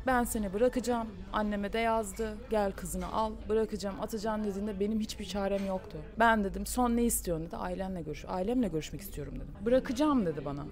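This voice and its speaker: A woman's voice: medium pitch, fast talker, hardly any pauses, a crowd in the background. A woman, a daughter, answering interview questions on location in a subdued, insistent way.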